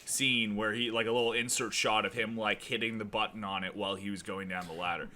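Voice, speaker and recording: Young male co-host, bright and sharp-toned, animated slangy banter. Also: fairly low pitch, a little fast. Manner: excitable, slangy, "dude". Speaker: podcast co-host. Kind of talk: casual chat.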